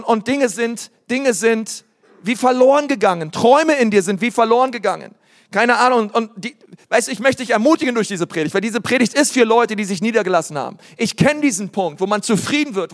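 A man preaching as a pastor, lively and casual, with many fillers and slipping into other voices to mimic listeners. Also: sits high. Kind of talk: sermon. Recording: long hall reverb.

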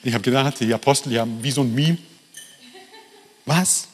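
A man preaching a sermon in a lively, emphatic way, turning to the congregation with asides. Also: mid-range voice, moderate pace, slightly rough, long reverb tail. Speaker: pastor.

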